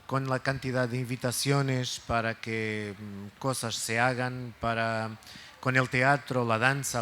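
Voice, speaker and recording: A man's voice: medium pitch, fairly bright tone, slight background noise. A man, a native Portuguese speaker, talking in Spanish with a Portuguese accent as a guest at a book event, hesitant and searching for words. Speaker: guest speaker, literary foundation director. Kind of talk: talk at a book fair event.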